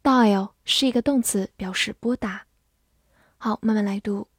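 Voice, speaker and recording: A woman teaching an English vocabulary lesson, spelling words out and reading example sentences slowly and carefully. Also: medium pitch, husky, no echo, clean studio sound.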